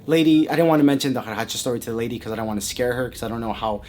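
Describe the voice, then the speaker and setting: A young man vlogging a spooky personal story, animated and dropping to a hush at times. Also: mid-range voice, rapid-fire, slight background noise. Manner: animated, with sudden drops to a hush.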